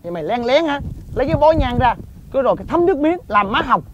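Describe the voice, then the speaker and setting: A jealous, hot-tempered husband from a stage comedy sketch, with a Southern Vietnamese accent. His voice is high for a man, and he fires off accusations and taunts quickly. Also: animated, highs cut off, slight background noise. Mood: suspicious. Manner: accusing, needling.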